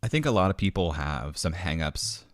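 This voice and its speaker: Field: deep-voiced man in a dry home studio, guest. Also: normal speed, no room sound. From American Midwest. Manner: animated, acts out little quoted dialogues. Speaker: podcast guest. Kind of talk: casual interview chat.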